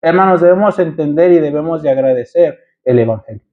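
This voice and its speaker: A Mexican pastor, a man, leads his congregation through a sermon, calling them brothers and pushing them with rhetorical questions. His voice sits high. The recording is muffled and lo-fi, as if captured inside a church. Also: fast.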